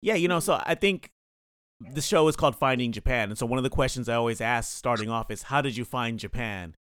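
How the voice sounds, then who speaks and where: A man's voice: medium pitch, a little fast, a bit bright, smooth. A man hosting an interview podcast, chatting in a friendly, jokey way with his guest. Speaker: podcast host. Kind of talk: casual conversational interview.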